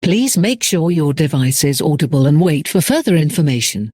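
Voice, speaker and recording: A scripted emergency announcement comes from a broadcast announcer whose somewhat higher-than-typical male voice has a darkish tone and a sing-song quality. He phrases things formally and in measured fashion, and the sound is completely dry, with no surrounding room.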